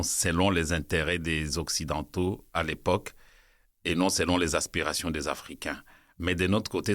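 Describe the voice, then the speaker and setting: A middle-aged man from the Democratic Republic of the Congo, explaining at a measured pace with many pauses and fillers. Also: low voice, pushed and bright, no room sound, studio quality. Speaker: museum director, guest. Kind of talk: interview storytelling.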